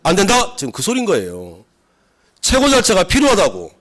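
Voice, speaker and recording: Animated Korean law lecturer, man. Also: sits high, moderate pace. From South Korea. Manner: animated, asks the class questions, acts out examples. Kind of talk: classroom lecture. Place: classroom.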